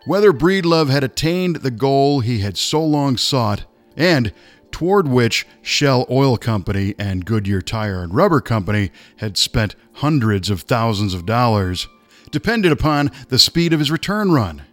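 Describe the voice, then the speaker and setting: Male narrator, mid-pitched, scripted nonfiction reading, measured pacing, guitar softly behind. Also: expressive, no echo.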